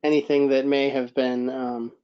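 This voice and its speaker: A man's voice: mid-range voice, level tone, normal speed, smooth, muffled recording. A man serving as a board member at a town meeting, thinking aloud and searching for the right words, with lots of fillers. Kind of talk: public meeting discussion.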